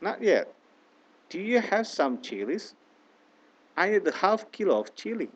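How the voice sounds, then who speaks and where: A man's voice: sits high, big pitch swings, takes it slowly, muffled recording, voice pushed up, full character voice. A man voicing a woman shopper in a textbook dialog, reading each line carefully to model intonation. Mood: polite.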